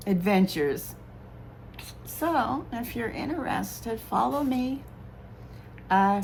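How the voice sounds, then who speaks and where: A woman's voice: on the high side, slight background noise. A woman in her sixties, slightly tipsy, chatting casually and ramblingly as a vlogger. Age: 60s. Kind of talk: casual chat.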